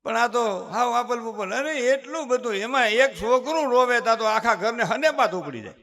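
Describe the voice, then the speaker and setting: A man's voice: very high-pitched, animated, normal speed, fairly bright tone. A man with a Kathiyawadi Gujarati accent giving a live dayro comedy talk on stage, preaching and storytelling and mimicking family members. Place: live stage before an audience.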